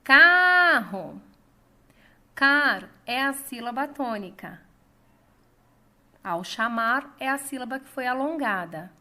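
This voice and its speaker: A woman with a Brazilian Portuguese accent teaching a lesson, calling out words slowly and drawing out the stressed syllable. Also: on the high side, expressive, sharp tone. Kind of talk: slow, clear classroom lesson.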